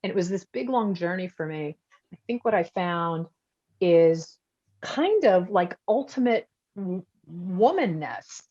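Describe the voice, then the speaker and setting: A woman's voice: on the low side, lively intonation, a little slow, dark tone, breathy edge. A woman from Texas, an author and documentary photographer, talking casually and reflectively with many restarts during an online event. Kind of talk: casual talk answering audience questions. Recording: dull lo-fi video call audio.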